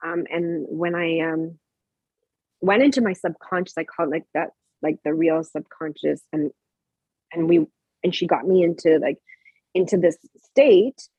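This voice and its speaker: Breathy woman sharing a personal story. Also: on the low side, measured pace, no echo, lo-fi sound. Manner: animated, acts out remembered dialogue in raised voice. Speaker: podcast guest.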